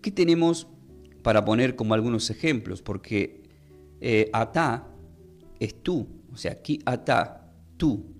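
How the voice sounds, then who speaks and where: A man preaching a sermon, measured and slowing down to stress key words. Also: medium pitch, lively intonation, soft background music.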